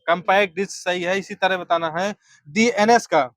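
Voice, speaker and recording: A man with a fairly high voice runs a rapid classroom quiz, asking question after question and snapping back the right answer. His delivery is brisk and corrective. The sound is dry and close, with no room echo. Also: a bit bright. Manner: brisk, corrects answers, urges students to speak up. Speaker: teacher.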